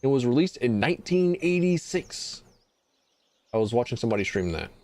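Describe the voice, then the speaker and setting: A man's voice: medium pitch, very animated, fairly quick, a little mellow, slight background noise. A young man streaming live, chatting casually in a rambling, self-deprecating way and swearing freely. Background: faint music.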